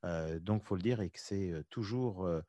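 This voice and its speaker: A male host guiding a conversation segment, halting and filling pauses as he goes. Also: deep voice, dark tone, dry recording. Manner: halting, filler-heavy, lots of "voilà". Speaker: radio host.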